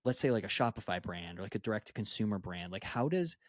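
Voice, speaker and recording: A man's voice: lowish voice, animated, quick pace, no echo, studio quality. A young adult man hosting a casual podcast interview, talking loosely and packing in lots of "like"s. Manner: casual, filler-heavy, says "like" constantly. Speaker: podcast host.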